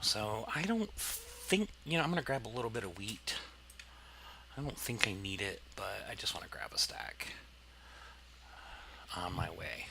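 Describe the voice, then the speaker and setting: A man's voice: lowish voice, animated, a little slow, creaky, pauses often, a crowd in the background. A man casually commenting on his gameplay, rambling and explaining as he goes, with plenty of fillers. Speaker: let's play host.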